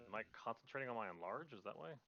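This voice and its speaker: A man's voice: medium pitch, expressive, rapid-fire, creaky, bright, forceful tone, dull audio. A man chatting casually as a player in a tabletop role-playing game.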